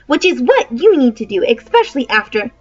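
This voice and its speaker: A woman's voice: very animated, brisk, lo-fi sound. A woman reading aloud voices a curious, outspoken young girl who speaks eagerly and a little indignantly. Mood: pert. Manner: eager and indignant, pitched up and louder than the narration.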